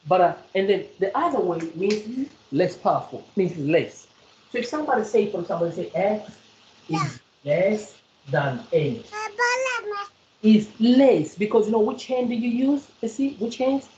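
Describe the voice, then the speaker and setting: A woman's voice: medium pitch, animated, a little slow, dull audio, noisy background. South African woman tutoring maths, echoey. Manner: repetitive, coaxing, quizzes the student. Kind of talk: one-on-one maths lesson.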